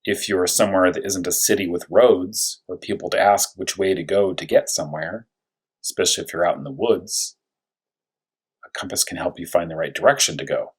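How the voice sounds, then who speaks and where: In a deep, slightly rough voice, a man who teaches first grade reads a story aloud to little kids, pausing to think aloud with questions and drawing out important words for emphasis.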